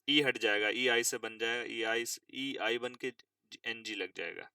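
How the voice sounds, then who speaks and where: Bright-voiced male English tutor, far from mic. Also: mid-range voice, dry recording. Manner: slow drawn-out reading of English phrases, spells words aloud. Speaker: English teacher. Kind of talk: vocabulary lesson explaining English news words.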